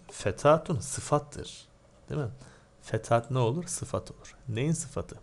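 A man teaching Arabic grammar in a lesson, asking questions aloud and answering them himself. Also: on the low side. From Turkey.

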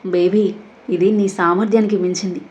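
A woman voicing a teasing but protective young man in a romantic audio story, speaking gently. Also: medium pitch, steady tone, normal speed, highs cut off, lightly acted. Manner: teasing, then gentle and soft.

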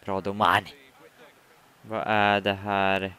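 A man giving live commentary on his own football video game match, muttering complaints and then shouting when a goal goes in. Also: fairly low pitch, flat delivery, clean tone, no echo. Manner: swings from muttering to shouting at goals. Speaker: gaming commentator.

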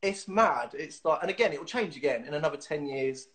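The host is a man in his thirties doing a casual video-call interview from a small room at home, captured by a webcam. His voice is a little high, expressive and a bit bright, and he speaks briskly. Chatty and giggly, he leans on fillers and restarts.

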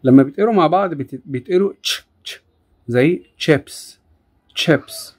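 A woman with an Egyptian Arabic accent teaching an English phonics lesson to children, repeating each example word slowly. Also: low-pitched, slightly rough. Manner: slow, drawn-out word repetition.

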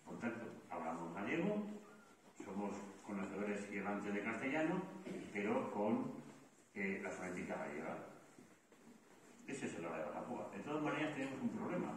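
A man's voice: fairly low pitch, sing-song, moderate pace, far from the mic, slight background noise. A man from giving a lecture at a book presentation, explaining points and answering his own rhetorical questions. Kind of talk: lecture-style public talk. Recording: very echoey hall recorded from afar.

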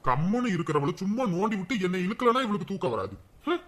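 A man's voice: high voice, sing-song, quick pace, very noisy. A man playing a boastful, teasing husband and father in a family drama.

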